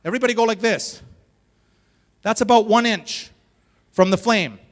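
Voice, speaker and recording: High-voiced male speaker in a reverberant hall. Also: normal speed. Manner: animated, addresses the audience directly. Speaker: motivational speaker. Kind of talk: stage storytelling talk. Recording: long reverb of a large hall.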